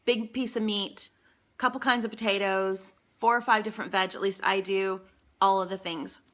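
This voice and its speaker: A woman's voice: medium pitch, fairly even intonation, moderate pace, a bit bright. A woman vlogging in casual chat, rambling along with frequent ums and asides as she answers a list of questions.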